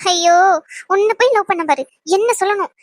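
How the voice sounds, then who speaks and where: A woman's voice: extremely high pitch, a little fast, dry recording, studio quality. A woman voicing a bossy, exasperated young woman who keeps scolding her boyfriend with nagging sighs and exclamations in a cartoon. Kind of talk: cartoon voice acting.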